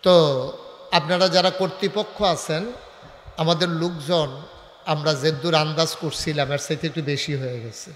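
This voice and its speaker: A male preacher with a Comilla Bengali accent, bantering with the crowd and then chanting in a sung, drawn-out cadence, leading call-and-response. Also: on the high side, fairly even intonation, fairly bright tone. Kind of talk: open-air religious sermon. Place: large outdoor gathering at night. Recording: reverberant outdoor PA sound with faint crowd noise.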